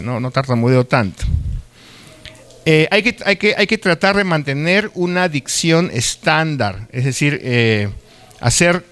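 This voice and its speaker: In a live university lecture, a man from Lima, Peru talks with his class in a chatty manner, frequently asking tag questions and sometimes tripping up and restarting words. His voice is on the high side, with a fairly bright, clear and resonant tone, and carries a Lima Peruvian Spanish accent.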